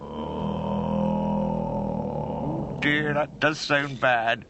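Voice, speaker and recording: A man's voice: medium pitch, wildly swooping pitch, extremely slow, gravelly, exaggerated voice. A man voicing a kindly, put-upon cartoon servant with a British accent, muttering fussily and deferentially to himself. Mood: muttering, resigned. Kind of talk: British cartoon character acting. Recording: noisy soundtrack with constant background sounds.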